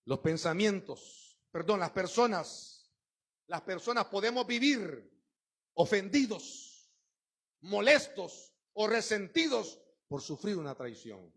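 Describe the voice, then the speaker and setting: A middle-aged man preaching a sermon, emphatic and swinging between loud outbursts and hushed asides. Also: high voice, very animated, takes it slowly.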